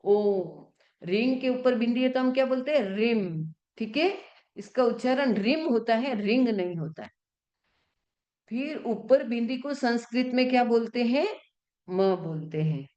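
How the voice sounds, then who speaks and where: A Jain nun with a fairly high, slightly mellow voice teaches a class in religious chanting and pronunciation. She poses questions to the class and answers them herself, slowing right down and stretching words out to demonstrate pronunciation.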